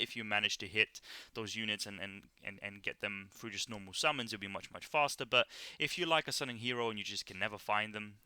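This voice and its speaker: A man's voice: lowish voice, sharp tone, smooth, no room sound. A man casually talking through a mobile game overview, rambling with many fillers and restarts. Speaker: gaming YouTuber.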